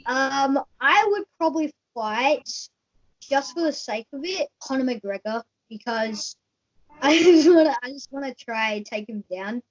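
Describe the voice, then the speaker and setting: A woman with a high voice conducts a casual interview. She speaks slowly and informally. The recording is a little dull. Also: expressive.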